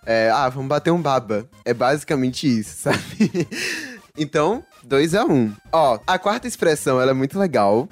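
A man from Salvador, Bahia, Brazil, with a Bahian Portuguese accent hosts a casual quiz game and laughs often. His mid-range voice has lively intonation at a moderate pace, with faint music in the background.

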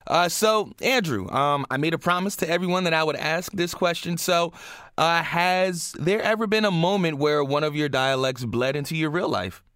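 A man hosting an interview, asking questions haltingly and rephrasing them as he goes. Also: fairly high pitch, fairly bright tone, smooth, no room sound, studio quality. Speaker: interview host.

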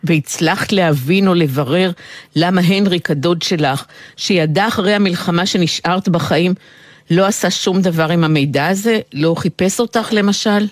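A woman's voice: fairly low pitch, dry recording. Israeli-accented woman interviewer, close dry sound. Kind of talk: literary interview, long prepared questions.

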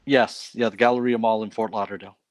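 A man from Canada, a guest on a faith talk show, telling stories about his life in a relaxed way with light laughs. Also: fairly low pitch, quick pace, no echo. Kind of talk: casual testimony interview.

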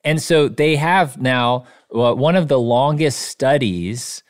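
A man's voice: mid-range voice, takes it slowly. A man, an author being interviewed, who talks earnestly in a storytelling way and often says "you know". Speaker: author and guest. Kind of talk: casual interview chat.

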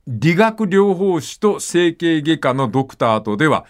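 Older man, radio host, casual talk, reading listener letters, lively swooping pitch, slightly high voice, acts out little voices. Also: a little slow. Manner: animated storytelling, acts out dialect phrases.

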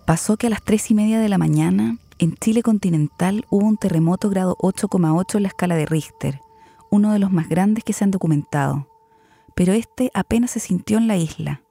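Dark-voiced woman narrating a documentary. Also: mid-range voice, fairly quick, vocal fry, breathy edge. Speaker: podcast host and narrator. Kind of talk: scripted narration.

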